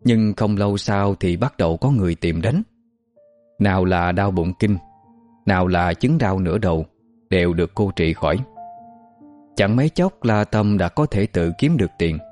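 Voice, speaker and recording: A man narrating a story in an expressive, dramatic storytelling manner. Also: low voice, normal speed. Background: faint background music.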